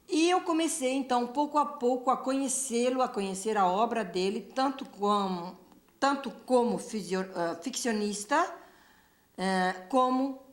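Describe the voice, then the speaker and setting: Reflective Brazilian woman in an echoey room. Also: mid-range voice. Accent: Brazilian Portuguese. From Brazil, São Paulo. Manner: measured and reflective, pausing with fillers. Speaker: literature professor. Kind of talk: recorded testimony, speaking to camera.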